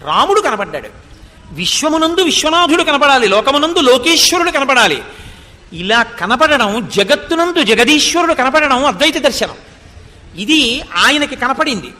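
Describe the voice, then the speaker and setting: A man's voice: very high voice, pushed and bright, big-room sound. A man giving a devotional scripture discourse, expounding with rhetorical questions and reciting Sanskrit verses. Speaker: spiritual discourse speaker.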